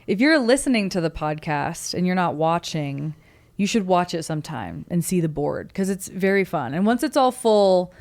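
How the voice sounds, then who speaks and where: A woman's voice: on the low side, big pitch swings, normal speed, a little mellow. Bubbly young woman hosting a podcast. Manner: bubbly and giggly, with frequent fillers. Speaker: podcast host. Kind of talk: casual podcast interview.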